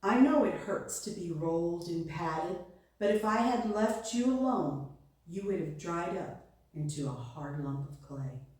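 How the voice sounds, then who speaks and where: A woman voicing a calm, patient male potter who speaks low and firm in a storybook tale. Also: very echoey, far from the mic.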